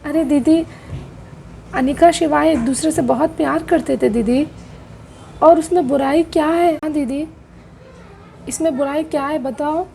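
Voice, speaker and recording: A woman voicing a gentle middle-aged mother who pleads and keeps the peace in a doll-play soap drama. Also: sits high, measured pace, vocal fry, pauses often, a little hiss or hum, poor audio.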